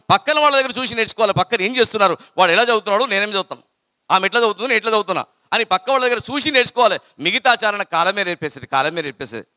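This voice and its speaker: High bright man, storytelling to students. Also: dry recording, studio quality. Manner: animated, repetitive, chanting. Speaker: motivational speaker to students. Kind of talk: storytelling talk with sung verses.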